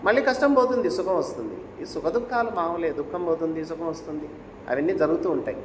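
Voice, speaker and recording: Speaking fast in a slightly high voice, a man delivers a devotional talk, narrating a sacred story and urging his audience on through rhetorical questions. The spiritual speaker is recorded in an echoey hall, with faint ambience and slight background noise.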